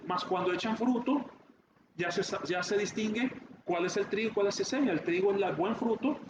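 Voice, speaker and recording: High-voiced preacher in an echoey hall. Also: male voice. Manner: halting, frequent "¿verdad?" asides and restarts. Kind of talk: Bible sermon. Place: church hall. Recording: echoey room, dull lo-fi sound with noise.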